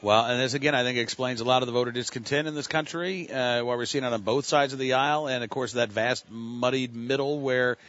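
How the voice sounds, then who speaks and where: Measured man with a dull sound. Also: medium pitch, steady tone, fairly bright tone. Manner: measured, with frequent "uh" fillers. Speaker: panelist. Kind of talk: panel discussion.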